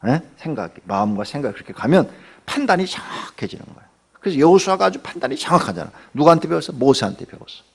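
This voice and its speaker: Gravelly, husky male pastor, swooping pitch; chatty dawn sermon with quick questions to the pews. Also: very animated. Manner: conversational, asks the congregation questions; acts out everyday people in quotes, joking. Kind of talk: early-morning sermon.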